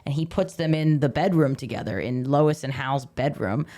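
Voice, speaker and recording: A woman co-hosting a podcast, recapping a sitcom episode in casual chat with animated, wry and profane asides and frequent laughs. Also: a bass voice, normal speed. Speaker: podcast co-host.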